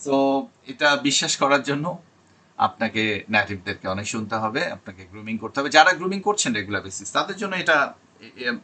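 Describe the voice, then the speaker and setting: Bright-voiced man teaching English pronunciation. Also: mid-range voice. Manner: repeats example words slowly, drilling sounds; switches between Bengali and English. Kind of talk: online pronunciation lesson.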